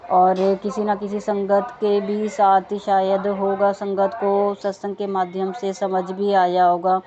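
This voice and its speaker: A woman's voice: mid-range voice, monotone, a little slow, lo-fi sound, crowd noise. A woman with children giving an earnest devotional talk to listeners, repeating words of thanks and chanting mantras. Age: adult with children.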